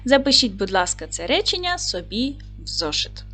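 A woman teaching a primary school class in a video lesson, speaking gently to the children and dictating words slowly and clearly. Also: a little high, sing-song, soft background music. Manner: slow, clear dictation with stressed syllables; gentle, encouraging address to children.

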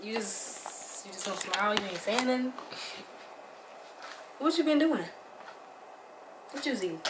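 A woman's voice: medium pitch, lively intonation, measured pace. A young woman in casual chat, teasing and questioning someone in a bedroom. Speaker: vlogger's partner. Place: bedroom at home. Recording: echoey room with background noise.

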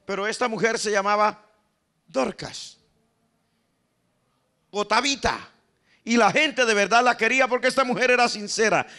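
A man's voice: sits high, moderate pace, long pauses, sharp tone. A man with a Colombian accent preaching a sermon, telling stories, acting out the quoted lines and often calling his listeners "brother". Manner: storytelling preacher, calls the congregation "hermano", acts out the quoted lines. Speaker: pastor.

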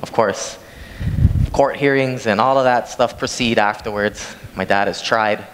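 A young man from Hawaii preaches in a large church sanctuary, his low voice carrying a long hall reverb over a faint hiss. He moves between reading scripture and telling a plain, conversational story from the stage, speaking into a handheld mic. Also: steady tone, unhurried, a bit bright. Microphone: handheld microphone from a far camera.

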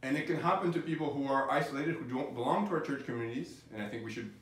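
A middle-aged physician giving a faith-based lecture, speaking earnestly and haltingly, with many restarts. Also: male voice, medium pitch. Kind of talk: faith-based academic talk. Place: lecture room. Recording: very echoey room, distant mic, faint noise.

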